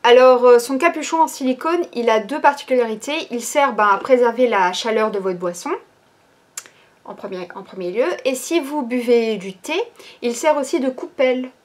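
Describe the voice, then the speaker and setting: A woman's voice: fairly high pitch, moderate pace. A woman presenting new items from her online shop in a casual, chatty way, with lots of fillers and hesitations. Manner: chatty, many fillers like "ben" and "euh".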